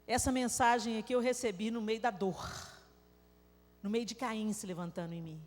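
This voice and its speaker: A woman preacher with a Brazilian Portuguese accent delivers an emotional live sermon in a large church hall, telling a story that builds into tearful outbursts. Her voice is on the high side and steady, at a moderate pace. The live recording carries a long reverb.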